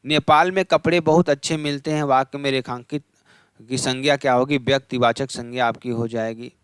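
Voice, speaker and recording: A man's voice: medium pitch, steady tone, clean tone, no room sound. A man teaching an exam revision lesson, rattling through lists and quizzing the class, asking questions and then answering them himself. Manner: rapid list-reading, repeats answers. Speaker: Hindi exam-prep teacher.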